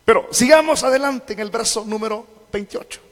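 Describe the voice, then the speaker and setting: A man preaches with a high voice into a handheld microphone. His delivery moves from quiet, intimate explanation to fervent shouted peaks. A long reverb from a large church hall trails each phrase. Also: fairly quick. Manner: preaching, swinging between quiet talk and shouted climaxes. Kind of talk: sermon.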